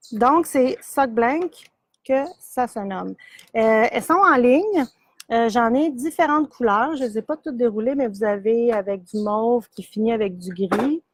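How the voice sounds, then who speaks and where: A woman's voice: a little high, no room sound. A middle-aged woman with a Québécois French accent, chatting casually as she shows yarn and sock blanks on a live stream, full of fillers and easy laughs. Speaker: yarn shop host. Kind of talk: casual live product demo.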